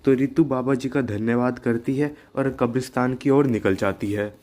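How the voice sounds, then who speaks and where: A man's voice: mid-range voice, fairly even intonation, normal speed, a little mellow. A man narrating a cartoon ghost story in a plain, conversational way, linking lines with filler words.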